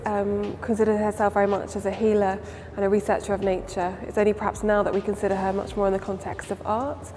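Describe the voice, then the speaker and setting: A woman giving a measured, explanatory account in a documentary interview. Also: medium pitch, darkish tone. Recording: long hall reverb, faint ambient noise.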